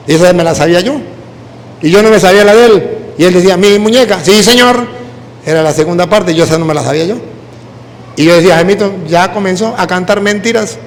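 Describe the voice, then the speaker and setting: A Venezuelan man, a priest, preaching a sermon full of lively personal stories in which he mimics the people he quotes. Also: high voice, in a large hall. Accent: Venezuelan Spanish.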